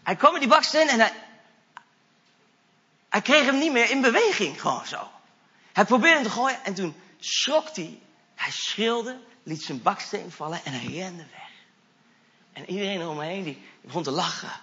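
A man preaching, telling a story from his travels with eager, animated energy and English phrases mixed in. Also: high-pitched, normal speed, pauses often, dull audio. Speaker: evangelist preacher. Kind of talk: sermon testimony storytelling.

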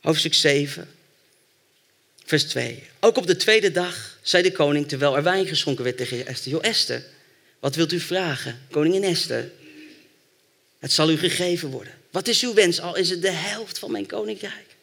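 Bright-voiced, high-pitched man preaching. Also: normal speed, creaky. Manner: storytelling, rising to fervent exhortation. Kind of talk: sermon.

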